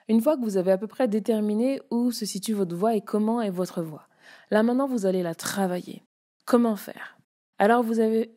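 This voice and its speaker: Mellow-voiced woman coaching voice technique. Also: medium pitch. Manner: demonstrative, shifts between chest, mask and head voice. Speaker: voice and public speaking coach. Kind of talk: casual spoken tutorial.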